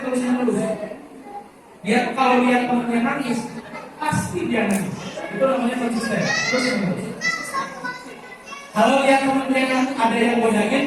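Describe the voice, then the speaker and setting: Male seminar speaker, chatty, asks listeners questions; distant mic in an echoey school hall with background noise. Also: very high voice. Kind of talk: informal lecture to an audience of mothers.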